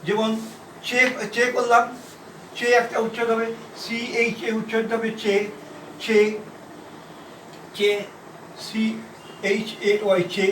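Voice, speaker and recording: A man from India teaching a shorthand class, explaining slowly and repeating himself, letter by letter. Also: high voice, level tone, fairly bright tone, slight background noise. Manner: repetitive, halting, spells out letters. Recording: echoey room from far off.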